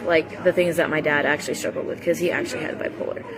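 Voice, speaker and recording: A woman's voice: sits low, level tone, quick pace, a crowd in the background. A young adult woman giving a rambling, confessional livestream monologue in a candid, emphatic and repetitive way, with blunt language. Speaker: livestream vlogger. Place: coffee shop, indoors. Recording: music playing behind the voice. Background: music.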